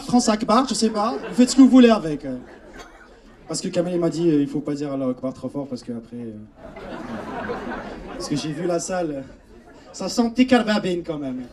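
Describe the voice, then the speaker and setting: A man's voice: on the high side, dark tone, distant mic, a little hiss or hum. A young man from Algeria, telling stories in a chatty stand-up comedy set on a theatre stage, speaking straight to the audience. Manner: chatty storytelling, addresses audience directly.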